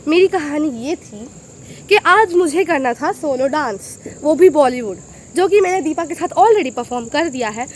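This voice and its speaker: Young woman vlogger from Haryana, high-pitched, lively storyteller, phone-recorded outdoors at night. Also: moderate pace, slight background noise. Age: young adult. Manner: animated, exclaiming storyteller. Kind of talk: casual storytelling vlog.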